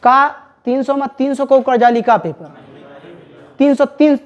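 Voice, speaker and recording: High-pitched woman teacher quizzing a class. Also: steady tone, unhurried, dull audio. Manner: quizzing students, call-and-response, repetitive. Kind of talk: classroom Hindi grammar lecture. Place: classroom with students.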